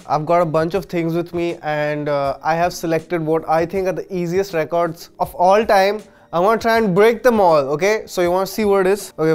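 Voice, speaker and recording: A man in his twenties with an Indian English accent, hosting a jokey, excitable comedy vlog. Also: sits high, smooth. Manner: excitable, jokey, breaks into yelps. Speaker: host.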